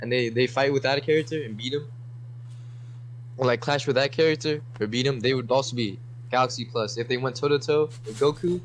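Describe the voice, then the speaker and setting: Insistent young man, halting delivery. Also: mid-range voice, slight background noise, rough recording. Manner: insistent, halting with restarts and fillers. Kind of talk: casual debate chat.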